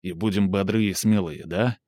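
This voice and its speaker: A man reading aloud and voicing a brooding, quick-tempered young man, low and intense. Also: fairly even intonation, warm tone, dry recording, clean studio sound, close to an everyday voice.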